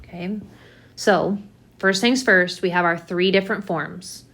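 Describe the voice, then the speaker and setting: A woman's voice: lowish voice, fairly even intonation, a little slow, fairly bright tone. A woman math teacher giving a recorded lesson, tired and yawning, speaking frankly and repeating key points. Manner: frank, repeats herself for emphasis.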